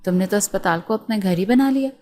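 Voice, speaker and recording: A woman voicing an angry, sharp-tongued young woman doctor who scolds with scorn. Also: mid-range voice, natural voice.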